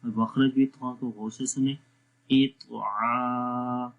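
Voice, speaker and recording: A man teaching Quran reading, sounding out each syllable slowly and then explaining the rules in quick asides. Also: mid-range voice, level tone, a little mellow, husky, dull audio. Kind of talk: spelling out syllables for learners.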